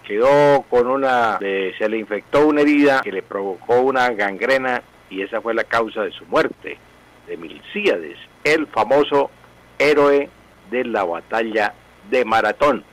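A man, a language professor explaining pronunciation on a radio segment in a slow, didactic way, drawing out syllables. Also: mid-range voice, rough recording. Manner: didactic, slowly spelling out pronunciation.

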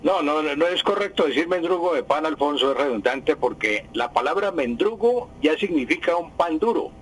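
Man, husky-voiced language professor, didactic radio explainer who drills the correct form. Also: on the high side, expressive, moderate pace, low-quality recording. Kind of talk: radio language advice segment.

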